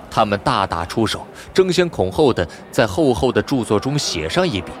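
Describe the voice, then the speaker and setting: Expressive male audiobook narrator. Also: on the low side, slight background noise. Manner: expressive, vivid storytelling. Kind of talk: scripted storybook narration.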